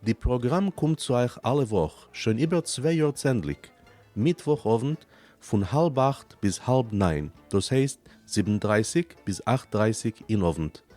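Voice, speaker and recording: A male radio announcer reading a formal station introduction in a measured way. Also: mid-range voice, animated, a little mellow, soft background music.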